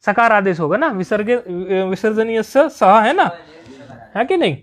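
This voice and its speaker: A man's voice: sits high, very animated, moderate pace, fairly bright tone. A man teaching Sanskrit grammar in a patient lesson, repeating each point and checking that students follow.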